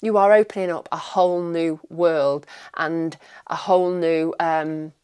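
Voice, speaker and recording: A woman's voice: sits low, steady tone, unhurried, a little mellow, smooth. A woman giving a casual tarot reading, rambling and reassuring, often repeating her words. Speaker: tarot reader.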